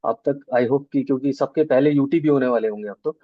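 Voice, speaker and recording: A male maths teacher with an Indian accent gives an online class in a blend of Hindi and English, moving step by step, stretching out key terms slowly, and checking in with students often. His voice sits at medium pitch. The sound is phone-quality with no room sound.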